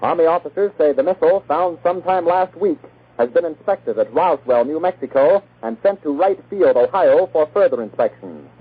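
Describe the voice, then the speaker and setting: A man's voice: a little high, lively intonation, moderate pace, breathy edge. Man on a scratchy old radio newscast. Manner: formal announcer delivery. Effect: old archival radio broadcast. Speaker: radio news announcer. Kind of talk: 1940s radio news reading. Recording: scratchy 1940s radio broadcast, tinny.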